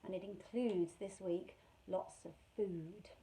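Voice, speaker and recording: A woman reading a children's novel aloud in a measured, expressive way. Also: medium pitch, rough recording. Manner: measured, expressive, slows on key words. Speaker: storyteller for children.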